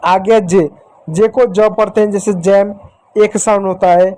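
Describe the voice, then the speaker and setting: A male teacher patiently explaining a lesson to children, repeating reminders and slowing down to sound out example words. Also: high voice, steady tone, dark tone, rough recording. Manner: slows down to spell out example words.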